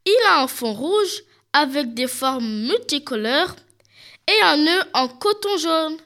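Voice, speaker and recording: A high-pitched woman with a bright, sharp tone hosts a product showcase and speaks slowly. She talks straight to the viewers and walks through each item in detail. She has a cold, so her voice sounds a little stuffy. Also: animated. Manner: addresses viewers directly, describes items in detail. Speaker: show host presenting products. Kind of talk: scripted product presentation.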